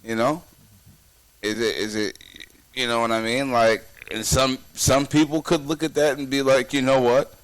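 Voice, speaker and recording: A man's voice: medium pitch, steady tone, moderate pace, a bit bright, no echo. A man co-hosting a wrestling podcast in casual chat, rambling through questions with many restarts. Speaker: podcast co-host.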